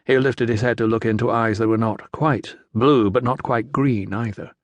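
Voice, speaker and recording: A man narrating a historical novel as an audiobook, reading in a measured, even way. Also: medium pitch, no echo. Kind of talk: scripted narration. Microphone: close studio mic.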